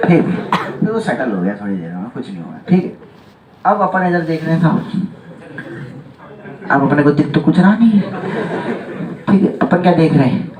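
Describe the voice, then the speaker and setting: A male teacher telling a funny story to his class, animated and chuckling, often checking that students follow. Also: on the high side, normal speed, long pauses, muffled recording. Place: large classroom or hall with students. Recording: echoey hall from far off with loud crowd. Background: students laughing and chiming in.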